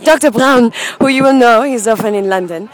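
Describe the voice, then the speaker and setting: A woman's voice: a little high, fairly quick, lightly acted. A woman performing as a flamboyant, brash cabaret diva, theatrical and gushing in comic banter for an audio postcard. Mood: gushing, catty. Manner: theatrical, gushing, calls listeners darlings.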